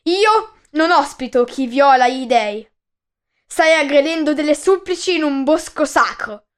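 A woman's voice: sits high, animated, a little slow. A woman voicing a stern male king who warns off an intruder in a storybook myth. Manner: stern, threatening. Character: King Pelasgo, stern commanding male ruler.

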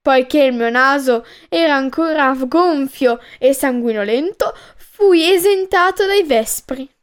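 A woman reading aloud as a medieval male monk who tells his story slowly, in old-fashioned words. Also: sits high, lively intonation. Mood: aggrieved. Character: flustered medieval male monk writing a chronicle.

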